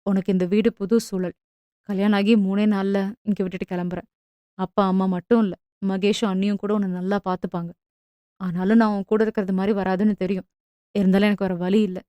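Woman voicing a gentle young army husband. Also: flat delivery, moderate pace, no room sound, muffled recording, close to an everyday voice. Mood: tender. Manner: soft, low and gentle, teasing at times. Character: man, young army officer husband, tender but firm.

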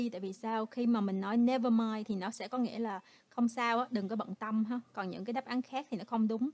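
A woman's voice: a little high, a little mellow, no room sound. A woman, a native Vietnamese speaker, who patiently walks through an English exam step by step as a teacher. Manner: patient, explains step by step, ends phrases with "ha". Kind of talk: exam walkthrough lesson.

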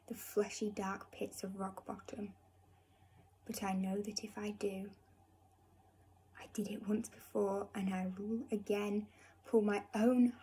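A young woman performing spoken-word slam poetry in a breathy, husky voice, measured and deliberate, with pauses. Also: mid-range voice, dark tone. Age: young adult. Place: indoors, small domestic room.

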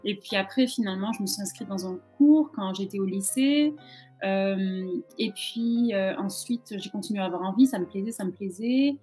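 A woman's voice: mid-range voice, normal speed, warm tone. Woman, young adult, informal interview chat, self-deprecating, faint background music. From southern France. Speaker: interviewed actress. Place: indoor room at home, video call. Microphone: video call microphone.

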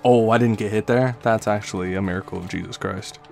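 A man's voice: on the low side, fairly even intonation, a little fast, creaky, a little mellow, faint music behind. A young man giving gameplay commentary as he plays, trash-talking the boss and swearing often. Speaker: gaming video creator.

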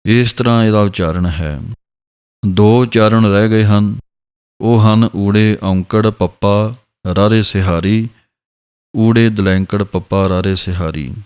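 Man, Punjabi accent, low smooth voice, patient syllable-by-syllable teacher. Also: steady tone, slow, darkish tone. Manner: patient, spells out each syllable. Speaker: Gurbani pronunciation teacher. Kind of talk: slow, careful pronunciation lesson.

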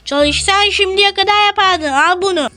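A young woman voicing a stern male shooting-range teacher in a Minecraft role-play, giving slow, bossy commands. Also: very high-pitched, sharp tone.

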